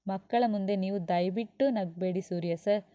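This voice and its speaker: A woman's voice: medium pitch, moderate pace, dark tone, muffled recording, natural voice. A woman voicing a strict, disapproving woman lecturer with a scolding manner.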